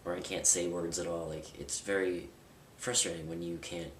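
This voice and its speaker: A young man vlogs candidly about his life, rambling a bit with fillers and restarts. His low voice has fairly even intonation and a normal pace, picked up by a distant camera mic that makes the sound roomy and full of loud background noise.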